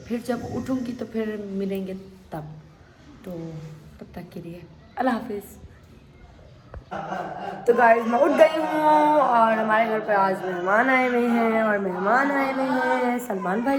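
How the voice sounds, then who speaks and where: Chatty woman vlogging in a noisy home. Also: on the high side. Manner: chatty, talks straight to her viewers. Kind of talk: casual home vlog. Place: home with guests. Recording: busy room with children's noise. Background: children playing and guests chatting.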